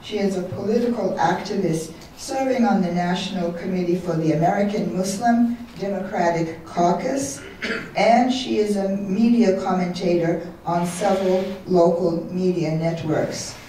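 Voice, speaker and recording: A woman moderating a forum, formally introducing the next speaker in a deliberate way. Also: fairly low pitch, mellow, a little hiss or hum. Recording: echoey hall from far off.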